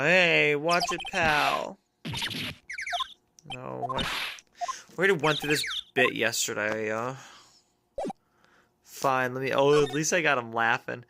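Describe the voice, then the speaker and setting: Low-voiced woman doing game commentary. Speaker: game streamer. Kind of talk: casual playthrough commentary. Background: game music.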